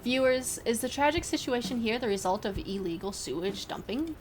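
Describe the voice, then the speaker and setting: A woman putting on a reporter voice for a fox news reporter in a game, speaking loud and formal like a broadcaster. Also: a little high, animated, brisk, background noise, natural voice. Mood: reporting. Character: eager young male fox news reporter.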